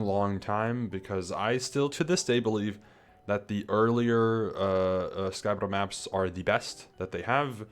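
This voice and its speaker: A man talking as a YouTuber reviewing a gaming event, slightly out of breath, rambling casually with lots of fillers and restarts. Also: on the low side. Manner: loose, chatty, full of fillers and restarts.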